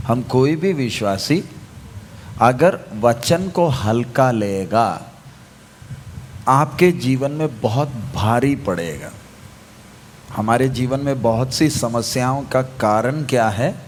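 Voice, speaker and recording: A man's voice: mid-range voice, expressive, slow, a little hiss or hum. A male preacher delivering a sermon, firing questions at the congregation and repeating key phrases for emphasis. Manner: asks the congregation questions and waits for answers.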